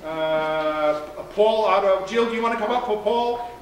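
Pastor in a very echoey church. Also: male voice, sits high, unhurried, slight background noise. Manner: chatty and joking between formal prayer. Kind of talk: church announcements and prayer. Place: large church sanctuary. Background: congregation murmuring.

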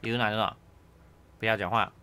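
A man's voice: fairly low pitch, steady tone, fast talker, bright, forceful tone, clean tone. A man teaching Japanese grammar one-on-one, casually checking understanding with tag questions.

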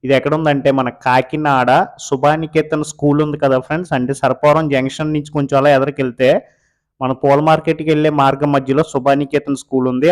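A man hosting a real estate video, giving a casual walkthrough of a house for sale in a Telugu accent from coastal Andhra Pradesh. He repeats himself and calls viewers friends. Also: mid-range voice. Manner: repetitive, addresses viewers as friends. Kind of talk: casual property walkthrough narration.

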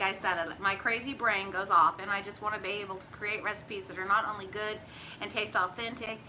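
A woman's voice: fairly high pitch, bright, forceful tone, a little hiss or hum, poor audio. A middle-aged woman, chatting folksily on a live cooking stream from her home kitchen. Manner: chatty, folksy, drawls "y'all". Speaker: keto cooking host. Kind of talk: casual live-stream chat. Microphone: phone camera at arm's length.

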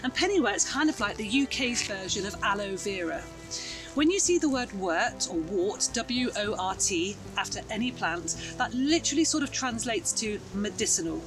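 A foraging teacher in her thirties gives an outdoor lesson on wild plants along a hedgerow lane and in woodland, bright, chatty and enthusiastic. Her mid-range voice is animated and moderately paced. She's far from the mic, music plays behind her, and the recording quality is low.

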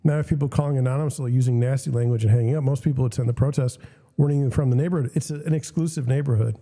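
A man's voice: mid-range voice, steady tone, dark tone, in a large hall. Young man with a scratchy voice. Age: young adult. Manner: opinionated, halting with restarts. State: scratchy voice with a cough. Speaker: host. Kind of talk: casual commentary reading news and questions.

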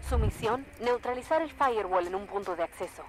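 A woman voicing a calm, businesslike mission handler in a game, giving crisp, clipped status reports. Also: medium pitch, a little fast, soft background music, lightly acted. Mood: briefing. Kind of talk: scripted game voice lines. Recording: gunfire noise behind.

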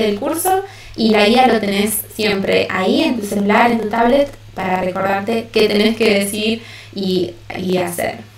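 A woman teaching a bilingual English workshop, repeating words slowly for learners to echo. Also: mid-range voice. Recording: roomy echo.

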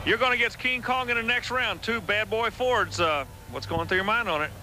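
Fast, bright-voiced male pit reporter, handheld mic, engine noise behind. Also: high voice. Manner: quick, upbeat questioning. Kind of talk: trackside interview. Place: outdoor racetrack.

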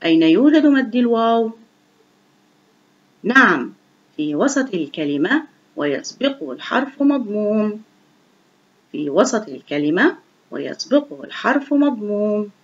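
A woman teaching young children to read in a slow, clearly enunciated, encouraging voice. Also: medium pitch, very animated. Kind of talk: online reading lesson for young children. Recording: dull lo-fi recording.

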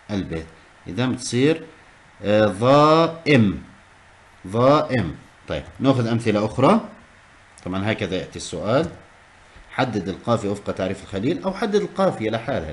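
A man teaching a class, explaining step by step and repeating key terms. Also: mid-range voice. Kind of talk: classroom lesson on Arabic prosody.

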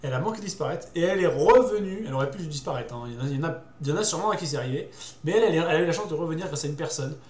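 Young man, casual explainer, slightly high voice, halting with fillers, echoey room. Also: animated, a little mellow. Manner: hesitant, many fillers and repeated words; youthful slang. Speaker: host presenting dog breeds. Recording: roomy echo.

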